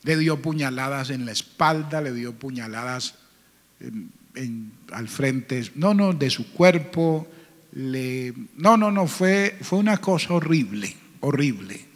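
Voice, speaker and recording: A man preaching a sermon as pastor, telling stories with strong emotion, his voice swelling loud and then dropping to a near murmur. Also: medium pitch, lively intonation, slow. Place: church. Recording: church hall with long reverb.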